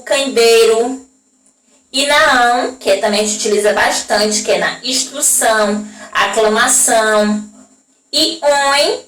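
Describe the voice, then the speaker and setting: Brazilian woman teacher, high voice. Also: fairly bright tone. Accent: Brazilian Portuguese. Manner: slow, drawn-out pronunciation of example words; frequent checking tags to the class. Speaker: primary school teacher. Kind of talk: recorded classroom lesson for young children. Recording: echoey room, voice from a distance.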